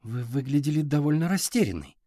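A man's voice: on the high side, sing-song, fairly quick, mellow, dry recording, studio quality. A man voicing a determined young girl inventor who presses with eager questions.

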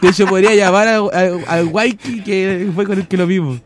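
Chilean male co-host, high register, rowdy slangy storyteller, studio mic. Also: steady tone, normal speed, noisy background. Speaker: radio co-host. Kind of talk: casual chat. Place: community radio studio.

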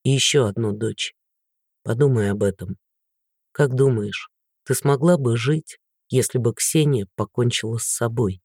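A man's voice: mid-range voice, a little slow, darkish tone, no echo, studio quality, voice pushed down. A man voicing a stern, weary middle-aged father who speaks in a hollow, bitter tone. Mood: grim.

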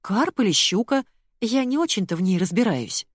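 A woman's voice: medium pitch, big pitch swings, normal speed, no echo, clean studio sound, pitched above the performer's own voice. A woman voicing a timid, helpful young female secretary on the phone in an audiobook. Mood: eager.

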